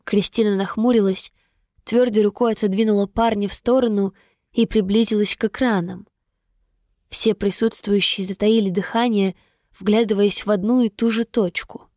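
A woman narrates a first-person novel in a steady, even reading voice. Her pitch sits in the middle of the usual female range. The recording is close and dry, with no room sound. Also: moderate pace, no room sound. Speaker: audiobook narrator.

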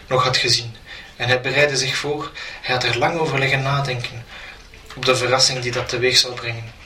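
A man reading a short story aloud in an even storytelling manner. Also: mid-range voice. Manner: flat, even storytelling delivery. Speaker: narrator. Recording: roomy, distant mic, faint noise.

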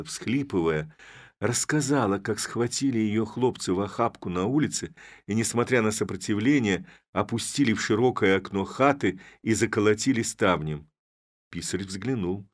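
Low-voiced male audiobook narrator. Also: dry recording, studio quality. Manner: measured storytelling narration. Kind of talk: classic literature audiobook reading.

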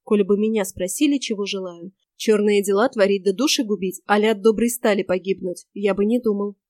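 A woman reading a story aloud and voicing a stubborn young male knight who speaks in calm, measured, old-fashioned phrases. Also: medium pitch, dry recording, lightly acted. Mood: calm earnest. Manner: calm, measured, folksy old-style speech.

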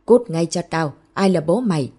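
A harsh, contemptuous father, cold and loud, as a woman narrator acts him out. The voice sits low and dark. It has a husky grain. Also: animated, normal speed. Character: cruel middle-aged father, cold and harsh.

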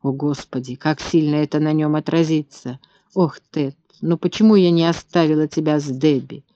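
A man voicing a frightened young mother who speaks in a hushed, anxious, soothing way, in a dull, dry recording. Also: a little high, fairly even intonation, normal speed, no room sound, natural voice.

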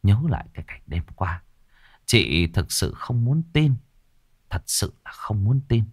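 A man narrating a ghost story in an expressive, dramatic storytelling way. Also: on the low side, a little slow, slightly rough, no room sound, studio quality.

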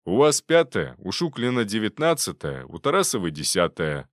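A man reading as a brisk, teasing department-head doctor, giving orders in a lively, low voice that swings freely in pitch. He sounds dry and close, bantering and commanding his interns. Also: dry recording.

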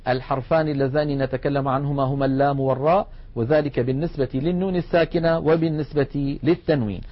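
A man teaching a tajweed lesson, addressing his students as he explains each rule and slowly recites the examples. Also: medium pitch, steady tone. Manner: slow drawn-out recitation of examples between explanations; addresses students directly, instructive. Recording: dull lo-fi recording.

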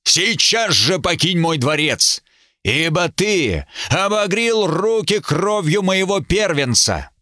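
A man voicing a furious, grieving old king whose booming voice echoes as if under a vaulted hall. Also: big pitch swings, slow, bright, forceful tone, clean studio sound, heavily acted. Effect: booming echo as under a vaulted hall. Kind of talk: audiobook narration, acted quote.

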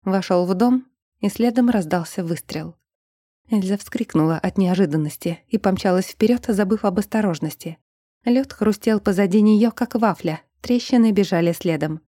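A female audiobook narrator reads a scripted story in a dark voice of medium pitch at a moderate pace. The recording is studio quality with no echo.

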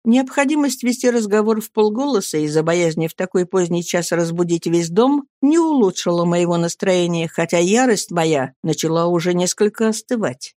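A man narrating a first-person novel as an audiobook, in a lively, emphatic storytelling manner. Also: sits high, normal speed, few pauses, no room sound, studio quality.

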